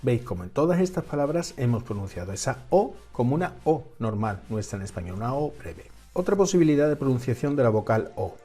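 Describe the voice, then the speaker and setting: A man's voice: mid-range voice, sing-song, a little fast, few pauses, dark tone, faint music behind. A man with a Peninsular Spanish accent, teaching English pronunciation in a patient, step-by-step way, repeating each example word. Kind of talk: scripted lesson.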